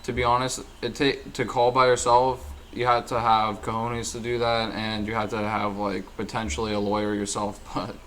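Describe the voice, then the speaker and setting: A man's voice: lowish voice, level tone, normal speed, a bit bright, a little hiss or hum, low-quality recording. A man co-hosting a podcast, chatting casually in an earnest, opinionated way. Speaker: podcast co-host. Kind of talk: casual chat.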